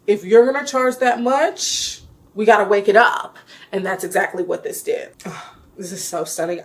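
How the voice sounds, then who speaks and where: A chatty young woman talks through her perfume collection in a casual, emphatic way, and she often turns to address her viewers as y'all. Her voice sits at an ordinary middle pitch for a woman, and she breaks into laughter easily. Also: rough recording. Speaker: beauty vlogger reviewing perfumes. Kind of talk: casual chat to camera.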